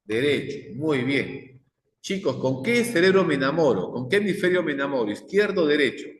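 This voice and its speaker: A man's voice: fairly high pitch, animated, moderate pace. A male psychology teacher, lecturing a class and firing repeated questions at the students. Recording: echoey classroom with long reverb.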